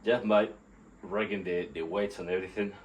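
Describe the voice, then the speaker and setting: Under a tarp in a still yard, a male workout vlogger films an unscripted, casual vlog on a tripod-mounted phone. He feels sick and nauseous, and his very deep voice stays steady in tone while his hesitant speech halts, rambles, repeats and searches for words. Noticeable background noise runs through the outdoor recording.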